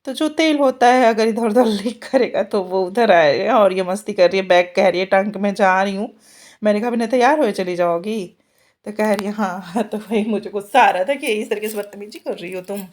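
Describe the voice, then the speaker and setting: A woman's voice: medium pitch, moderate pace, darkish tone. A woman in her thirties, a mother chatting casually in a home vlog while she gets her children ready, laughing often. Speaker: vlogger mother.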